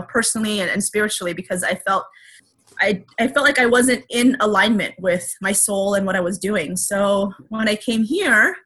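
A woman's voice: mid-range voice, pushed and bright. A woman speaking candidly as an interview guest, reflective and open, with many fillers and restarts. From Filipino heritage.

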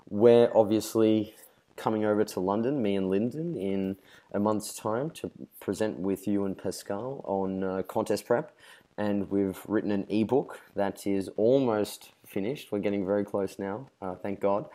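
A man's voice: low-pitched, dark tone. A man hosting a casual podcast interview, upbeat, teasing and chatty. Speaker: podcast host.

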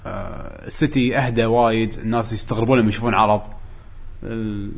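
A man's voice: lowish voice, fast talker, gravelly, slightly rough. A man, chatting casually on a podcast and telling travel stories, acting out the people he met. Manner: animated storyteller, acts out quoted people. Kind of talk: casual chat, travel storytelling.

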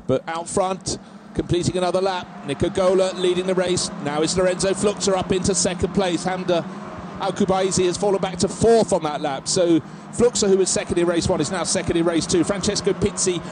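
A man's voice: sits high, background noise. A man giving live race commentary as a motorsport commentator, mixing action calls with analysis and storytelling.

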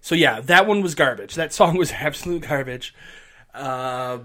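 Relaxed male game master, casual narrator who swears and laughs easily. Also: a little high, moderate pace.

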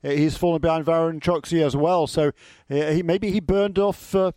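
A man co-commentating on motor racing, analysing it in a halting, often self-correcting way. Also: fairly high pitch, fairly even intonation, a little mellow, no room sound, studio quality. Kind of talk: live race analysis.

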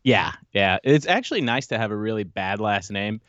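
A man joins a podcast as a guest, joking and teasing in a casual way. His voice sits a little low and sounds slightly dull and lo-fi. The sound is dry. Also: lively intonation, moderate pace, a bit bright, no echo.

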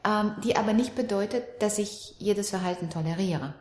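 A middle-aged woman talking calmly and reflectively as an interview guest about parenting and relationships. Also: medium pitch, normal speed. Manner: calm, reflective, animated when quoting her daughter. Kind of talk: conversational interview. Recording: roomy echo.

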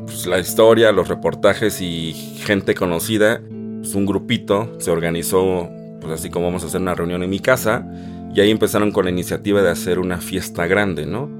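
A young man with a Mexican Spanish accent tells his own story in a deep, low voice. He talks in a chatty, lively way and slips into a high voice when he acts out what other people said. Guitar music plays clearly behind him. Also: fairly quick. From Isthmus of Tehuantepec, Mexico. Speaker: interviewee telling his life story. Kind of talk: personal storytelling.

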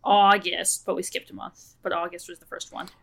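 A woman's voice: lowish voice, level tone, normal speed, creaky, a bit bright. A young woman co-hosting a casual podcast chat, chatty and loose with light swearing. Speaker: podcast co-host.

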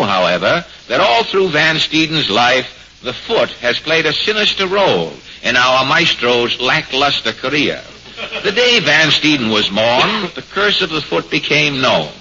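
A man's voice: fairly high pitch, pushed and bright. A man giving scripted, mock-solemn narration in a 1940s radio comedy. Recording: muffled, hissy 1940s radio recording.

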